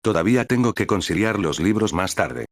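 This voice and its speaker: A male reader voicing a cheeky young woman guild worker in an even synthetic read. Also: lowish voice, fairly quick, no room sound, studio quality.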